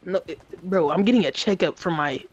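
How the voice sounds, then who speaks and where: A man's voice: high voice, brisk, breathy edge. Male playing an impatient little brother, muffled lo-fi audio. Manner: impatient, slangy. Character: impatient, embarrassed little brother, a dental patient. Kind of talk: improvised game role-play, casual banter.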